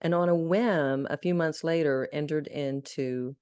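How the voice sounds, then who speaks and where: Her low voice is clear, resonant and a little mellow, with fairly even intonation and a slightly slow pace. She is a middle-aged Arkansas woman sharing her life story candidly and earnestly as a podcast guest, speaking from the heart.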